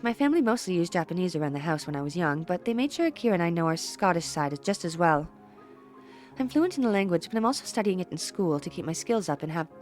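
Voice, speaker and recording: In a visual novel, a woman voices a teenage schoolgirl who is gentle, polite and composed. Her fairly low voice is soft, measured and courteous.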